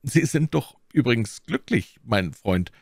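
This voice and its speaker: A man's voice: mid-range voice, animated, unhurried, vocal fry, no room sound, clean studio sound, voice pushed up. A man voicing a bold, bantering young musketeer. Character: eager young hot-blooded male musketeer.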